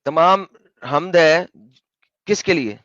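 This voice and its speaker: A man hosting an argumentative online debate, pressing his opponent with questions and spelling his points out slowly over a call. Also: a little high, a bit bright, no room sound, highs cut off.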